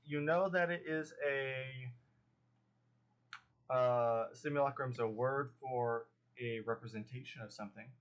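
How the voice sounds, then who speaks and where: Brief: easygoing male game master, mid-pitched voice, talks loosely with fillers. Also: muffled recording. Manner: casual, halting, with many fillers. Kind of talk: narrating a tabletop game.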